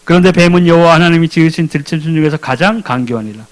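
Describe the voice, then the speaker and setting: A man's voice: a little high, quick pace, poor audio. A man preaching a sermon as a deacon. He asks questions and answers them himself, and acts out the characters in casual speech.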